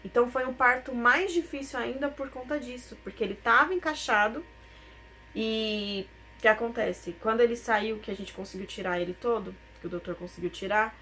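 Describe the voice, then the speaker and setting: A woman's voice: on the high side, moderate pace, pushed and bright, a little hiss or hum. A young woman, telling her own story as a personal testimony, emotional and tearful at times.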